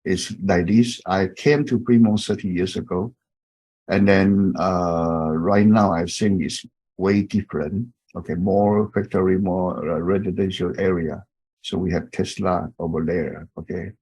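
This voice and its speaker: A man in his fifties from Taiwan with a Taiwanese accent, a professor introducing himself to an online class in halting speech full of fillers and restarts. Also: low voice, fairly even intonation, a little mellow, breathy edge.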